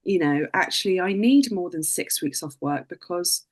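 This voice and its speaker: A woman's voice: on the low side, moderate pace. A woman author on a panel, speaking thoughtfully with many "you know" and "kind of" fillers. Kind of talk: panel discussion.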